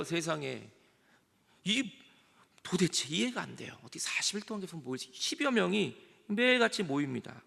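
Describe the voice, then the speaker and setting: Gravelly Korean pastor preaching in a hall. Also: male voice, a little high, fairly bright tone. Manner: emphatic, rising and falling sharply, dropping to near whispers. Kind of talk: sermon. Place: church sanctuary. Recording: long church hall reverb.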